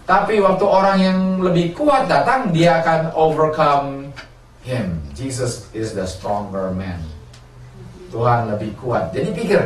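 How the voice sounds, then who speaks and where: Male preacher, animated call-and-response delivery, slightly high voice; roomy, distant recording with faint ambience. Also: measured pace, a little hiss or hum. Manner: animated, asks the congregation questions and answers them. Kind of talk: sermon.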